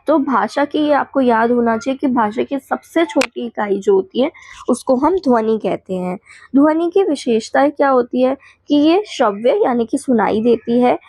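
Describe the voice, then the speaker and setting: A woman teacher going quickly through exam revision points, listing definitions and checking in with the class as she goes. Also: on the high side, animated, darkish tone, dry recording.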